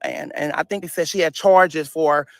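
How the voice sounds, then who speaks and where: A fairly high, steady-toned male voice at normal speed, free of echo, belongs to a St. Louis man in his 30s with a speech impediment. As a social media personality, he gives a casual vlog rant in livestream style, emphatic and repetitive, laughing often along the way.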